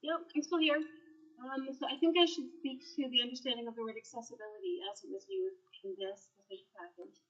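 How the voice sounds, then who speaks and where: A woman's voice: fairly high pitch, steady tone, quick pace, a bit bright. A woman explaining things over a remote call, her voice coming through a tinny laptop microphone, with frequent fillers as she talks. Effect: tinny laptop microphone sound. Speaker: library staff member answering council questions.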